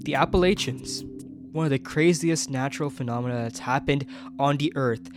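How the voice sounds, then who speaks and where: A man's voice: medium pitch, moderate pace, over music. A young man vlogging a mountain hike, enthusiastically explaining geology and nature outdoors. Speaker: travel vlogger. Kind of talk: educational hiking vlog.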